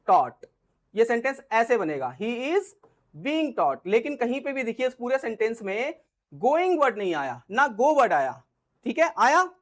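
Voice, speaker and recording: A woman teaching an English grammar lesson. She explains step by step, keeps checking that her listeners follow, and clears her throat now and then. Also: a little high.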